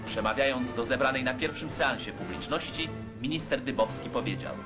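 A man's voice: medium pitch, fairly quick. A man giving solemn, declamatory narration for an old newsreel soundtrack. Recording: narration over loud orchestral music.

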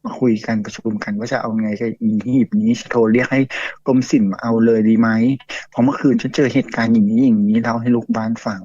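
A man's voice: medium pitch, little pitch movement, quick pace, mellow, no echo. A man telling a ghost story to a host in a chatty, casual way, full of fillers and acted-out quotes. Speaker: guest storyteller. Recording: dull lo-fi dry audio.

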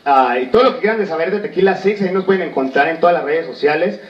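A band member from Michoacán, Mexico, eagerly promotes his group into a handheld mic, his voice a little high and his pace quick. It's promotional interview talk, and the sound is roomy, distant and dull.

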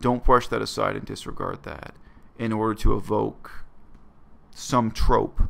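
A man's voice: on the low side, flat delivery, measured pace, gravelly. A man, talking earnestly and bluntly to his webcam in a small bedroom. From Canada. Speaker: vlogger. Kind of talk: reflective personal monologue to camera.

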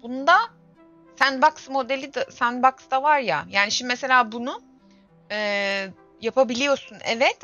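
A young woman with a bright, forceful voice chats through a gameplay livestream, exclaiming and grumbling to herself as she plays. The audio is dull and lo-fi, with faint game music under her voice. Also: fairly high pitch, normal speed. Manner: chatty, exclaims and grumbles to herself while playing. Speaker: streamer. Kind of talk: casual gameplay livestream chat.

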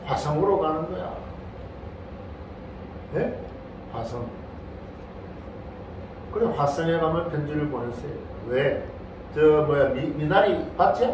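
A man's voice: a little high, expressive, slow, long pauses, noisy background. An older man, a Buddhist monk, gives a playful Dharma lecture to a congregation and keeps prompting his listeners with questions. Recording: very echoey hall, voice far from the mic.

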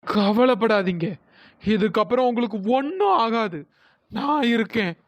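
A performer voicing a ghost woman in a cartoon story, speaking slowly and solemnly. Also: no room sound, close to an everyday voice. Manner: slow, low and solemn. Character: eerie ghost woman of the bungalow, calm and grateful.

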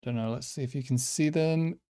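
Here a quiz host, a man from Finland or the surrounding Nordic area who grew up speaking Swedish or Finnish, addresses viewers casually. His pitch is mid-range and his tone dark, and he hesitates and mocks himself while working through his thoughts.

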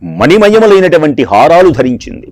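A man's voice: a little high, sing-song, brisk, darkish tone, no room sound. A man giving a devotional discourse, telling a scripture story dramatically and repeating phrases for emphasis. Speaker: discourse speaker.

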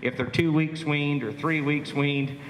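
A man's voice: a little high, fairly even intonation, measured pace, fairly bright tone, a little hiss or hum. A man giving a plainspoken presentation to cattle producers at a meeting, with lots of "uh" fillers. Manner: plainspoken, folksy, frequent "uh" fillers. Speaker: livestock auction market speaker. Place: meeting hall. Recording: roomy hall, long echo.

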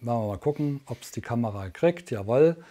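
Older man, mellow infomercial presenter. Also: mid-range voice, expressive, a little fast. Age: 60s. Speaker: teleshopping host. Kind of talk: infomercial-style sales presentation, unscripted and chatty. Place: indoor studio, standing at a product table.

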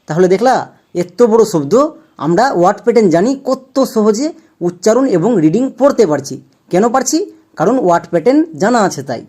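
Woman, pronunciation teacher, mellow tone, slow and patient letter-by-letter delivery. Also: medium pitch. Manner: patient, spells letters slowly then repeats the sound. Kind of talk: spelling-out lesson for learners.

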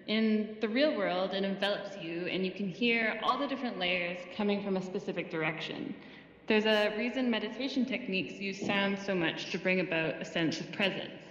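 A woman sound designer giving a presentation, explaining calmly with the occasional filler. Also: medium pitch, dull audio. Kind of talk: presentation talk. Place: virtual museum space. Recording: roomy reverberant space with faint ambience.

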